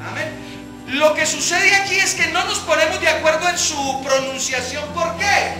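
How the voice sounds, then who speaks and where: An animated woman teaches scripture in a Bible study sermon, acting out the quotes and asking rhetorical questions. Her voice is high-pitched and her pace moderate. The setting is an echoey hall with faint music.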